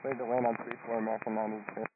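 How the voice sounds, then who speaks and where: Flat-toned pilot over the radio. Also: male voice, mid-range voice, racing. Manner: clipped radio phraseology. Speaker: airline pilot. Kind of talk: radio call to the control tower. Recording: tinny radio with static hiss.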